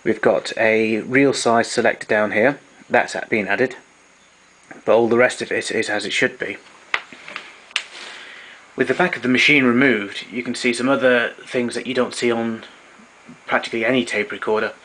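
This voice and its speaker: A man's voice: mid-range voice, steady tone, normal speed, fairly bright tone, rough recording. A man gives an informal technical demonstration in a matter-of-fact, explanatory way. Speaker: vintage tape recorder collector presenting. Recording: clear background noise, room ambience.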